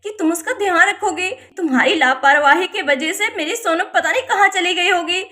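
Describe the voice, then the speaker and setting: A woman's voice: very high voice, normal speed, pushed and bright. A woman voicing a distraught village mother in a doll story, scolding and frantic.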